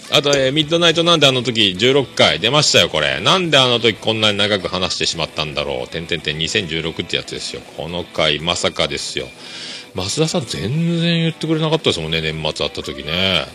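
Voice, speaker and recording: A man hosting a casual solo podcast, talking chattily and enthusiastically and laughing softly between remarks. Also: low-pitched. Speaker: podcast host.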